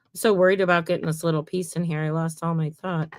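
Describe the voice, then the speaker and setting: A woman's voice: sits low, flat delivery, quick pace, dry recording, studio quality. A woman mosaic artist hosting a livestream, chatting casually and rambling to viewers while she works. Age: adult. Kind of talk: casual chat while crafting.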